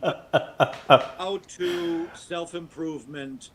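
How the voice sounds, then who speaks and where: Drawing out his words in a somewhat bright voice, a middle-aged man on a podcast interview talks at length, opinionated and emphatic, with wide swings in pitch. A little background noise is present.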